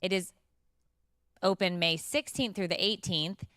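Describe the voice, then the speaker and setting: Bright, crisp-voiced morning show woman. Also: lowish voice, measured pace, no echo, clean studio sound. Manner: upbeat, joking asides while reading. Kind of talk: casual chat, reading news segments.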